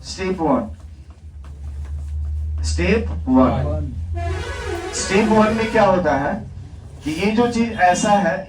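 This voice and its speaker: High-voiced male teacher in echoey classroom. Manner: asks the class questions and answers them himself; repeats key words for emphasis. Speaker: chemistry teacher. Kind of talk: classroom lecture. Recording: echoey classroom, distant mic, background noise.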